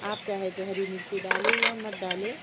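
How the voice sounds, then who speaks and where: A Hyderabadi woman narrates her home cooking in a chatty, repetitive way, her pitch sitting in a middle range. Sizzling and frying are plainly heard in the kitchen behind her. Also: fairly even intonation, normal speed, very noisy. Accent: Hyderabadi Hindi-Urdu. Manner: chatty, explains each step with repeated words. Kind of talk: casual cooking voice-over.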